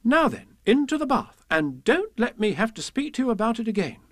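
A motherly female kangaroo from a children's storybook, as a man plays her, with a high, lilting voice. She fusses briskly, soothing and firm at once, her pitch lively. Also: no echo, studio quality, full character voice. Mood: severe. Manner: fussing, cheerful, mildly scolding.

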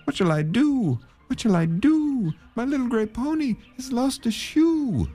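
Man putting on a high, fretful storybook pony owner. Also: huge pitch swings, moderate pace, mellow, faint music behind, full character voice. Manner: sing-song rhyming pleas. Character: worried, pleading pony owner, man, anxious and sing-song. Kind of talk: children's storybook character voice.

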